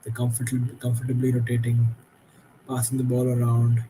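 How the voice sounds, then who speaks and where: A man's voice: medium pitch, completely flat delivery, brisk, mellow, slight background noise, low-quality recording. A tired man hosting a late-night football watchalong, giving frustrated, critical reactions to the game as it happens. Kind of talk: live match commentary and reaction.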